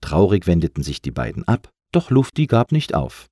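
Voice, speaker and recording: A man reading a children's story aloud as narrator, with expressive storytelling. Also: deep voice, moderate pace, breathy edge, no room sound, studio quality.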